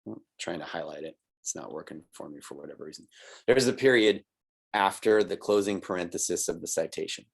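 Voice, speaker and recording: A low, creaky male voice moves fairly quickly through a recorded online college writing class. Patient and explanatory, he laughs lightly and keeps asking "right?" and "okay?"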